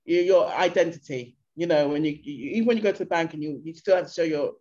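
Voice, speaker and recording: On a dull, lo-fi video call, an older woman from England speaks quickly in a low voice while chatting casually as an interview guest. She sits in a bright room at home and tells her stories with energy, acting out the voices of locals.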